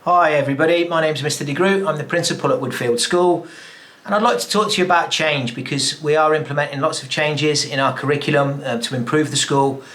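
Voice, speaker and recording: A man who is a school principal addresses parents in a measured way, repeating a few words as he goes. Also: on the high side, fairly bright tone. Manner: measured, with small repetitions.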